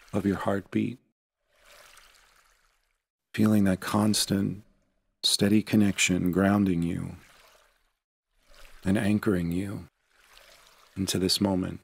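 In a very deep voice with a noticeable creak, a man guides a meditation, his instructions gentle, unhurried, and soothing. The recording is dry and close, with no room echo.

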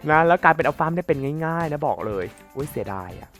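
A man calling out his own gameplay with an animated, swooping delivery and a bright, forceful tone. He teases and jokes sarcastically, breaking into sudden exclamations, and sometimes adopts a mock-formal host manner. Light music plays underneath. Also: on the high side, quick pace. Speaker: gaming channel host. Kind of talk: playful Minecraft gameplay commentary.

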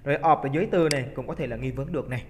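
A Vietnamese man teaching an English exam-prep lesson. He is lively and coaxing, drags out words slowly to show the stressed syllable, and keeps checking in with his students. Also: medium pitch, slight background noise. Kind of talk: exam-prep lesson, explaining test answers. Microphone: computer recording while drawing on screen.

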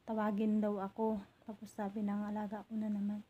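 A woman from the Philippines telling a hurtful story from her job as a domestic helper, in a halting way with many restarts. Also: mid-range voice, monotone, narrow, tinny audio. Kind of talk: emotional personal storytelling.

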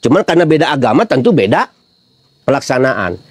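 A man's voice: mid-range voice, sing-song, fairly quick, slightly rough, no room sound, clean studio sound. A middle-aged man, preaching a casual sermon full of funny anecdotes and rhetorical questions to his listeners. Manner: chatty, humorous storytelling with rhetorical questions to the audience.

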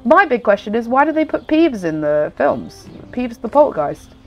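Female gaming host, nasal and congested as if nose pinched, animated pitch, rambling casual commentary, faint music behind. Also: moderate pace, dull audio. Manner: chatty, rambling, self-interrupting. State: congested with a cold. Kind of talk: casual chatty game commentary.

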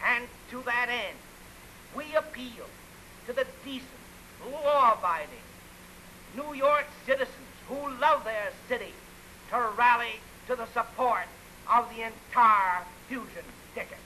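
A man making a forceful rallying campaign speech, heard on a 1930s newsreel sound recording. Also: very high voice, unhurried, a little hiss or hum, poor audio. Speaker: political campaigner.

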